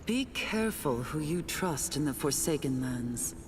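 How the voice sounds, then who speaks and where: Mournful ghost woman, fantasy game drama, slow deliberate delivery, long reverb. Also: deep voice, animated, slight background noise. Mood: ominous, urgent. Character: sorrowful, warning female ghost in a fantasy game. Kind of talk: dramatic video game voice acting. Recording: long ghostly reverb, faint music behind.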